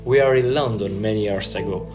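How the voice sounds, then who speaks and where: A man's voice: on the low side, brisk, lightly acted. An actor playing an interview host who speaks formally and introduces his guest like a showman. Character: man hosting an evening interview. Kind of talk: scripted drama interview. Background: guitar music.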